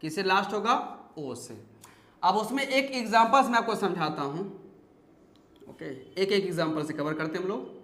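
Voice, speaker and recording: A man's voice: high voice, moderate pace, long pauses, a bit bright. A man teaching English grammar in a lesson. He spells out words letter by letter, asks his students questions and answers them himself. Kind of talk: classroom-style lesson. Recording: echoey room.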